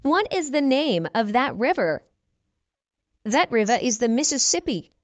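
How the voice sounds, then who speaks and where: Here a woman teaching English reads everyday dialogues for learners to practice, slow and clear, going over each exchange twice at a relaxed pace. She is very animated, with a high voice that ranges widely in pitch and no room sound.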